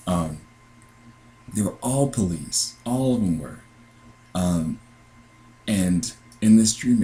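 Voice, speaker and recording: A man in his twenties with an American accent, earnestly recounting a dream in halting sentences with frequent restarts. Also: deep voice, a little mellow, slight background noise, poor audio. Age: 20s. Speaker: dream sharer. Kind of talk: personal testimony.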